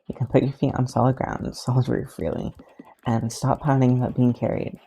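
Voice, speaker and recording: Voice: medium pitch, little pitch movement, a little fast, creaky, dark tone, slight background noise, natural voice. A podfic reader voicing Superman, a cheerful male superhero who jokes and teases. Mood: teasing. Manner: joking, teasing.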